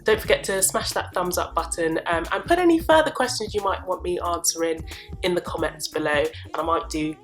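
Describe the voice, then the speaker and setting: A woman's voice: lowish voice, a little fast, soft background music. Chatty young woman vlogger. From born in Uganda, grew up in South East London. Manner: chatty, rambling, with frequent ums and laughs. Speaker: property investor and vlogger. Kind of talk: casual get-to-know-me vlog.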